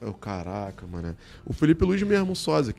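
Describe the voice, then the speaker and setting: A man's voice: lowish voice, normal speed, gravelly. A man with a Brazilian Portuguese accent from Rio, telling anecdotes in slangy, casual chat as an interview guest. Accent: Brazilian Portuguese, Rio de Janeiro. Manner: slangy, animated storytelling. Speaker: guest, celebrity look-alike and comedy performer.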